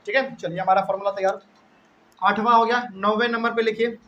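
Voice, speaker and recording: A young man teaching chemistry to a class, repeating key terms slowly and often checking in with his students. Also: sits high, steady tone, pushed and bright, slight background noise. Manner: repetitive, drawn-out, checks in with students. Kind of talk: classroom lecture. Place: classroom with live and online students.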